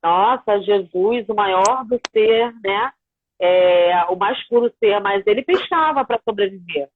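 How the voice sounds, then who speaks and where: A woman's voice: medium pitch, slow pace, a little hiss or hum. Brazilian woman over a tinny line. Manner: earnest, conversational, quoting family. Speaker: host, spiritual house leader. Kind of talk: live-stream conversation.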